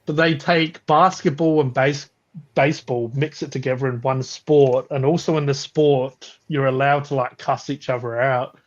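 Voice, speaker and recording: A man's voice: mid-range voice, steady tone, normal speed, dull audio. A man chatting casually about films on a live stream, rambling with frequent restarts and laughs. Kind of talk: casual chat.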